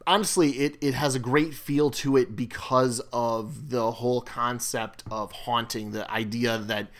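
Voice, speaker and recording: A man's voice: medium pitch, steady tone, a little slow, a bit bright. A man co-hosting a casual board game discussion, talking in a loose, rambling way with fillers and restarts. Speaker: co-host.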